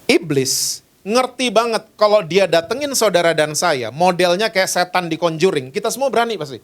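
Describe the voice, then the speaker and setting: A man's voice: sits high, normal speed. A male pastor in his fifties preaching a sermon in church, telling a personal story and acting out the voices in it. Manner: storytelling, animated, acts out voices in quotes.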